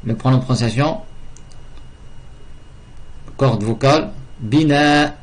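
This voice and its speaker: A man's voice: mid-range voice, measured pace. A man teaching a language and religion class, patiently repeating words to drill their pronunciation. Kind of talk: slow classroom lesson with repetition.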